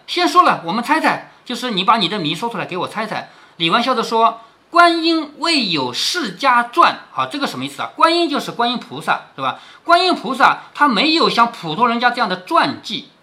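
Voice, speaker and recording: A man's voice: high-pitched, sharp tone. A middle-aged man reading a classic novel aloud and stopping to explain it in plain talk, often asking "right?". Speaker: storyteller reading a classic novel to his daughter.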